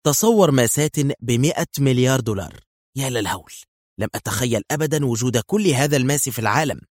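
A cool, composed young woman spy from an audio thriller, voiced by a male narrator. She speaks calmly and plainly in a raised, lighter tone. The sound is dry and close, with no room around it. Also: mid-range voice, fast talker, no echo, lightly acted. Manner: calm, matter-of-fact.

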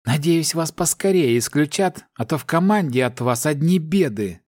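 Man narrating as an arrogant sharp-tongued girl, dry close sound. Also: a little high, lively intonation, fairly quick, no room sound, natural voice. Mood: scornful. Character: haughty young woman, scornful and sharp-tongued.

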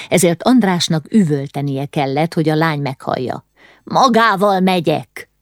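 A woman's voice: deep voice, darkish tone, no room sound, studio quality. A woman reading a novel aloud as an audiobook narrator, voicing the dialogue with urgent, rising lines in tense moments. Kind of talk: scripted narration.

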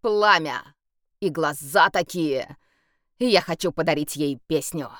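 A woman's voice: low-pitched, takes it slowly, a bit bright, dry recording, studio quality. Woman voicing a lovestruck male vampire. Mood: dreamy. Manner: dreamy, boastful and pushy. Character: lovestruck young male vampire, brash and cheerful.

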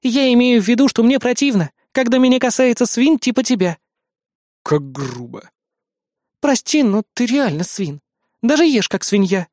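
A man voicing a haughty, sharp-tongued young queen in an audiobook, speaking coldly and curtly. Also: very high-pitched, animated, moderate pace, no echo, clean studio sound, voice pushed up. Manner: cold, curt, mocking. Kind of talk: audiobook character voice.

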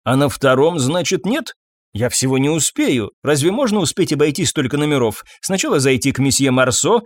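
A man's voice: on the high side, no echo, studio quality. A man voicing a chatty, cheeky young female hotel maid who complains in a mocking tone.

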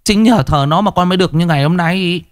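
A man's voice: fairly low pitch, sing-song, slow, warm tone, no room sound, clean studio sound. A man voicing a terrified wealthy middle-aged man who stammers and pleads on the edge of tears in a spoken ghost story. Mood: panicked pleading.

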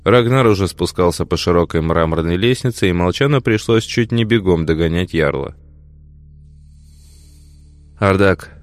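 A man with a very deep voice narrating a fantasy audiobook in first person. His storytelling is steady and dramatic, with faint music running underneath. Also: a little fast, hardly any pauses.

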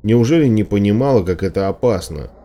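A man's voice: fairly low pitch, lively intonation, fairly quick, warm tone, lightly acted. A man reading an audiobook, voicing a hostile bearded hermit who barks insistent warnings. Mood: shouting. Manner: barking, insistent.

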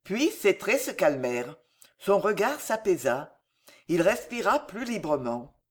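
A woman reading a historical novel aloud as an audiobook narrator. Her pitch is animated and varied, and she tells the story dramatically. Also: unhurried.

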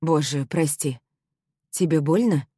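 An intense, obsessive young man, read by a woman in an audiobook. He speaks calmly but presses hard, in a low, dark voice. The sound is close and dry. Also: takes it slowly, slightly rough, dry recording, heavily acted. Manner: calm, quietly pressing.

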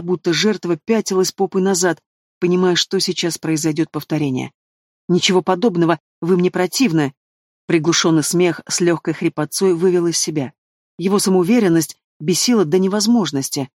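A man's voice: high voice, a little fast, no room sound, studio quality. A man narrating a fantasy audiobook in the first person, reading expressively and speaking the heroine's lines himself.

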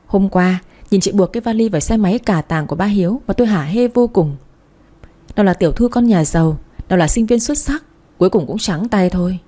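A woman voicing a spiteful young woman who taunts her older sister in a scornful, shrill manner. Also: brisk, dark tone, close to an everyday voice.

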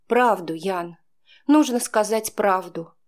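A woman voicing a caring female friend who talks softly and comfortingly in an audiobook. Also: mid-range voice, slow pace, close to an everyday voice. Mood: soothing. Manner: soft, soothing, half-whispered.

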